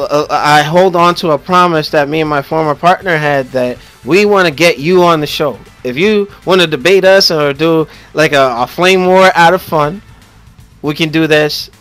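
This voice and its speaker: A young podcast host with a Haitian accent, whose first language is Haitian Creole or French, jokes and rambles through a casual gaming show with lots of restarts. His voice is a little high and a bit bright.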